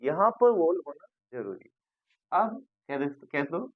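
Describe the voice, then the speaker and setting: A man teaches an English grammar lesson in a fairly high voice, repeating sounds slowly and patiently for his students. The recording is dry and narrow, like sound over a phone line. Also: very animated, no room sound.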